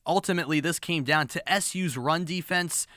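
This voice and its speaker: A man's voice: on the high side, normal speed, pushed and bright, no room sound, studio quality. A man hosting a post-game sports talk show on the radio.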